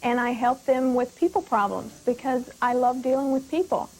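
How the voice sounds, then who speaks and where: A woman's voice: high voice, normal speed, a little mellow, poor audio. A young woman speaking earnestly as a guest on a talk show. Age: young adult.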